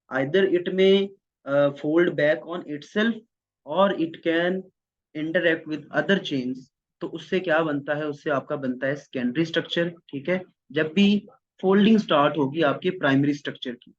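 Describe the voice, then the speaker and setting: A man teaching biochemistry in a step-by-step classroom lecture, often checking in with his students. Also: fairly high pitch. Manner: explains step by step, often checks in with "theek hai". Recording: dull lo-fi recording.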